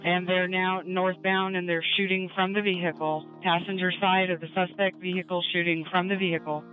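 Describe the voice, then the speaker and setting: A middle-aged woman police dispatcher speaking over police radio, calm and measured, repeating key details. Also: fairly low pitch, narrow, tinny audio, faint music behind. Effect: police radio transmission. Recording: archived police radio audio.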